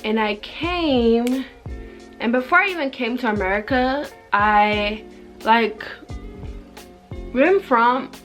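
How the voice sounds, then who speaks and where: A woman's voice: fairly high pitch, slow, long pauses, a bit bright. A young woman from Jamaica telling a personal story in a casual, rambling, conversational way. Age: young adult. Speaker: vlogger. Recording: music behind the voice. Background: background music.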